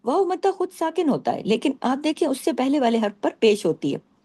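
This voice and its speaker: Patient woman tajweed teacher, mellow voice. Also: high-pitched, big pitch swings. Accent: Pakistani Urdu. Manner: patient, repeats rules, checks understanding with "theek hai". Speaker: Quran recitation teacher. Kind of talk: Quran tajweed lesson, explaining and reciting verses slowly.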